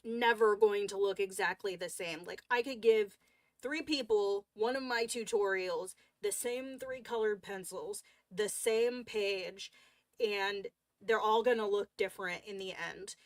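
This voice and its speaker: A woman's voice: mid-range voice, a little slow, no room sound. A woman hosting a coloring livestream, chatting casually and rambling with lots of fillers and restarts.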